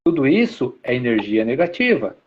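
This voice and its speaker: A man's voice: mid-range voice, very animated, normal speed. Man giving an informal spiritual talk. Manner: repetitive, explanatory, uses many tag questions. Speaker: spiritual speaker. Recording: dull lo-fi sound.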